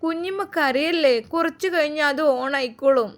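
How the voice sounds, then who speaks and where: A woman voicing a small girl who insists and comforts in a high, childlike voice. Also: normal speed, close to an everyday voice. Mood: insistent.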